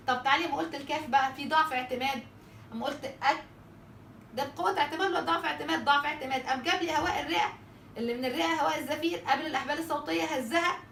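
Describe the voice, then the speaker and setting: Her voice sits high and somewhat bright, picked up far from the mic with reverb and a little hiss or hum. Speaking with an Egyptian Arabic accent, she teaches tajweed letter articulation, repeating example sounds and answering her own rhetorical questions.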